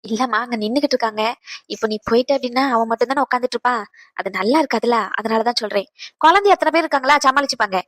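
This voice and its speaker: A woman voicing a motherly older aunt in a cartoon, who comforts and gently scolds. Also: on the high side, very fast, no echo, voice pushed down. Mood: soothing. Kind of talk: cartoon dubbing.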